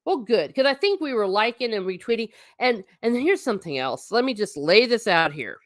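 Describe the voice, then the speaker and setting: A woman's slightly high, very animated voice at a normal pace, recorded with studio quality and no echo. She hosts a casual livestream, reading viewer comments and replying chattily and bluntly, with frequent asides and restarts.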